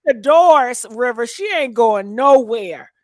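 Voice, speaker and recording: A woman hosts a live call-in show and teases her caller with playful, slangy banter. Her slightly high voice sounds dry and close to the mic. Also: expressive, takes it slowly, a little mellow, dry recording. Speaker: radio host. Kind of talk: casual call-in show hosting.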